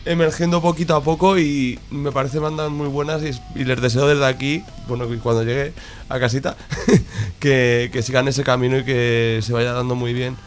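A man's voice: medium pitch, steady tone, normal speed. A man from Spain, a band musician guesting on a radio show, friendly and hesitant, often searching for his words. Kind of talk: casual radio interview.

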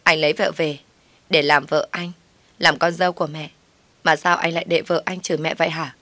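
A woman voicing a haughty, sharp-tongued young sister-in-law who sneers at her brother's wife. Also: low-pitched, fairly even intonation, normal speed, no room sound. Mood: spiteful.

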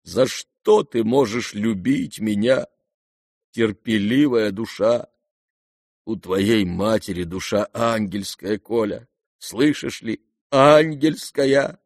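A man's voice: fairly low pitch, slow, gravelly, no echo, studio quality. A man voicing an old disgraced general in an audiobook, rambling and sentimental, given to theatrical outbursts. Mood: tearful. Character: old drunken disgraced male general, maudlin and boastful. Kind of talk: audiobook character reading.

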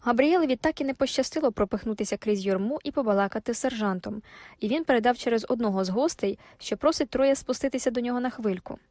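A woman reading a classic novel aloud as an audiobook narrator, in a measured, even way. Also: a little high, dry recording, clean studio sound.

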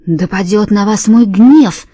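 A stern male God booms out slow, commanding verdicts, voiced by a woman reading a storybook. The tone is mellow and warm. The sound is dry and close. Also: expressive, no echo, natural voice. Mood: wrathful.

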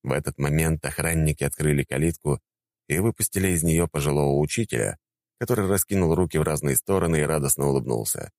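A man narrating a fantasy audiobook in a calm, even manner. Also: rumbling low, quick pace, no echo.

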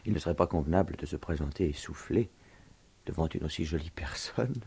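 An actor playing a dashing, witty, gallant thief in a 1950s radio drama, with suave, theatrical banter. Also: male voice, extremely low pitch, vocal fry, darkish tone, husky, heavily acted. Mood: suave, seductive. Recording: noisy vintage 1950s radio recording.

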